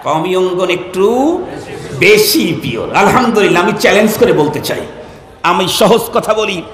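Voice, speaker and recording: A man from Bangladesh preaching a fiery sermon, firing questions at the crowd and bursting into shouts. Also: sits high, lively intonation, moderate pace, reverberant.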